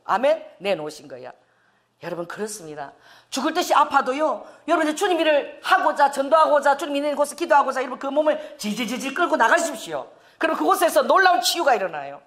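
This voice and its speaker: A middle-aged woman pastor preaching a sermon in an emphatic, lively way, laughing often as she tells stories. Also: a little high.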